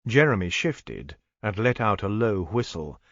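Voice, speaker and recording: A man narrating a period mystery audiobook in a measured, descriptive manner. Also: fairly low pitch, very animated, a bit bright, dry recording. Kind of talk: scripted narration. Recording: dull, dry studio recording.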